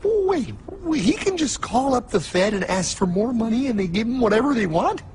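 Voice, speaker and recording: A man voicing a naive, excitable cartoon everyman, stammering with incredulous questions. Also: very high voice, normal speed, noisy background. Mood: bewildered.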